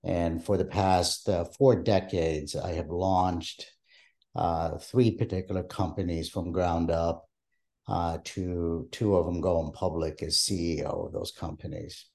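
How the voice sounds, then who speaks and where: An older man from Palestine, answering oral history interview questions in a measured way with many hesitations. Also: deep voice, steady tone, gravelly, a little mellow. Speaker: interviewee, archive creator.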